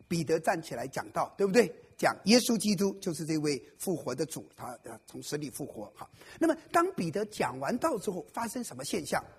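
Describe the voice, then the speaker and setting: A man's voice: fairly high pitch, very animated, brisk, few pauses, husky. A man preaching a sermon to a live congregation, quizzing his listeners and cracking jokes. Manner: playful, jokes and quizzes the audience. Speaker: pastor. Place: church service before a congregation.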